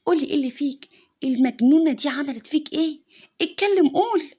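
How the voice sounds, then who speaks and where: A woman's voice: high voice, expressive, fast, mellow. A woman with an Egyptian accent voicing an older mother who scolds and frets in a spoken story. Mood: scolding. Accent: Egyptian Arabic.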